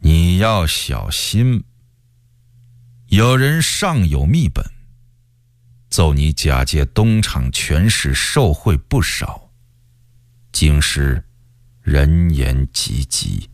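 A man voicing a cold, suspicious emperor in a radio story, speaking slowly with quiet menace. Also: low-pitched, wildly swooping pitch, creaky, dry recording, clean studio sound, exaggerated voice. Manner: slow, cold, measured menace.

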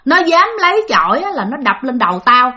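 Lady doing cranky hundred-yr-old ghost man, rough scolding, high bright voice, spooky story. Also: big pitch swings, brisk, heavily acted. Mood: aggrieved, angry. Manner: scolding, aggrieved, rough talk. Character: vengeful hundred-year-old male ghost.

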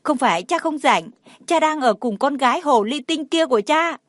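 A woman's voice: steady tone, normal speed, dry recording, studio quality, lightly acted. Woman doing a weepy clingy little boy. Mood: sulky. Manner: high, whiny crying pleas. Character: tearful pleading little boy, clingy and sulky.

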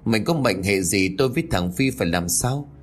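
A man's voice: lowish voice, expressive, a little fast, faint music behind. A man voicing an anxious, hot-tempered middle-aged husband in a narrated ghost story. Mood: pleading.

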